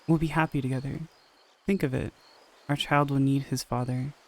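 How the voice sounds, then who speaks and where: A man's voice: mid-range voice, fairly even intonation, normal speed, darkish tone, natural voice. A man reading the lines of an earnest young male soldier who pleads with the woman he loves, in an audio story. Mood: pleading.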